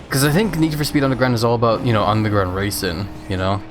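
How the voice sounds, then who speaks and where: While playing a racing game on a live stream, a man chats casually with viewers, staying laid-back and laughing often. His voice sits in the mid range, and background noise can be heard.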